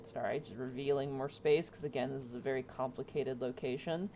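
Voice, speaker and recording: A woman with a deep voice narrates a fantasy tabletop session as game master. She improvises her descriptions over an online call. There is faint noise behind her. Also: fairly even intonation, a little fast, mellow. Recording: faint noise on home microphone.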